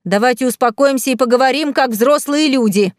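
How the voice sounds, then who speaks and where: A woman's voice: high-pitched, brisk, dry recording, studio quality, natural voice. A woman voicing a burly man who barks orders and turns whiny and fawning with his lover. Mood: commanding. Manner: barking, then whiny and fawning. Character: burly man, blustering then wheedling.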